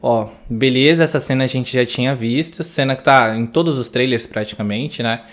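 In a medium-pitched voice at a moderate pace, a man with a Brazilian Portuguese accent offers excited reaction commentary on a movie trailer. He is effusive and exclamatory, gushing over one scene after another.

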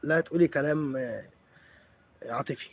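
A man's voice: fairly high pitch, moderate pace, husky. A man with an Egyptian accent hosting a live stream, chatting playfully with viewers and teasing them as he answers comments. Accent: Egyptian Arabic.

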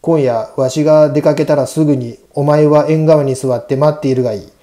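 Man as a stern, dark-toned temple priest. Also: on the high side, fairly even intonation, a little fast, lightly acted. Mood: stern warning. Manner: grave, admonishing, old-fashioned speech. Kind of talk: ghost story reading.

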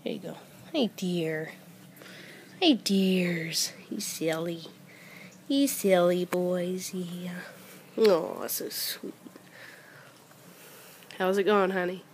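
A woman's voice: on the low side, slow, pauses often, a little mellow, slight background noise. A woman filming her family at home, talking in a cooing, coaxing baby-talk voice in a bedroom, recorded on a handheld camera. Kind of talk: casual home video.

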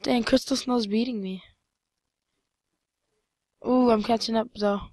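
Slow-talking woman narrating her gameplay. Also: a little high, no room sound. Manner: rambling, with many fillers and excited outbursts. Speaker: gameplay commentator. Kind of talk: casual gameplay commentary.

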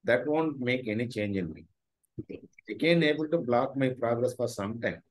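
A man's voice: medium pitch, expressive, moderate pace, low-quality recording. Interview guest: man, forties, Tamil accent, mid-range voice, informal video-call answers. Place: small furnished room at home, video call. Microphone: video call device microphone.

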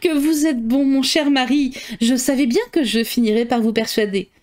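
A woman reading aloud as a shrill, fussy mother. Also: expressive, normal speed, darkish tone. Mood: delighted. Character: fretful, excitable middle-aged mother of five daughters.

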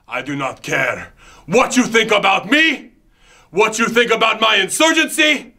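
A man putting on a raging wrestling heel who roars his threats high and bright, his pitch swinging wildly from line to line. He drags out his chants and spits out each warning, with a gravelly edge under the shouting. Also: lively intonation, full character voice. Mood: bellowing. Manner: bellowing, spitting threats, drawn-out chants. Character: ranting male wrestling villain, fanatical and menacing.

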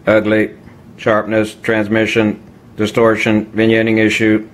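A man voicing a malfunctioning lens-rating robot that glitches, beeps and repeats words in a clipped monotone. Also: on the low side, unhurried, lightly acted. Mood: glitching. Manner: clipped monotone machine talk with beeping noises and stuck repeated words. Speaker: photography video host. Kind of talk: comedic skit.

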